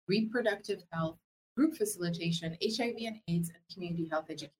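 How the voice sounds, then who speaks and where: A woman's voice: medium pitch, rough recording. Woman hosting, with background noise. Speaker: interview show host. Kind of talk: measured interview hosting.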